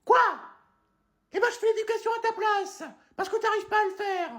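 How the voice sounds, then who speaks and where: A man's voice: very high-pitched, little pitch movement, normal speed. A man playing a strict, crude grandmother scolding her family in a comedy sketch. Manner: scolding, bossy.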